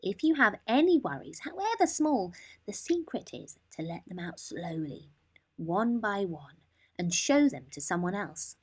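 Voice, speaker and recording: Storybook old lady, played by a woman reader: kindly, firm, reassuring, with very animated intonation. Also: mid-range voice, unhurried, slightly rough.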